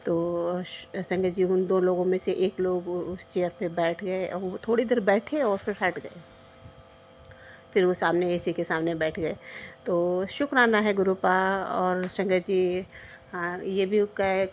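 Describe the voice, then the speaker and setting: A middle-aged woman tells the congregation about her devotional experiences, earnest and full of pauses and restarts. Her voice sits a little low and stays flat in tone. The recording sounds slightly dull and lo-fi. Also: a little hiss or hum. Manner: hesitant, many fillers and restarts. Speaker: devotee sharing a testimony.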